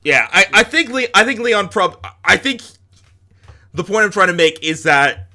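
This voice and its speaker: A man chatting casually and jokily as he plays a game, in an animated, rambling way. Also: high voice, normal speed. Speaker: gamer playing and reading aloud. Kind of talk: casual gaming chat.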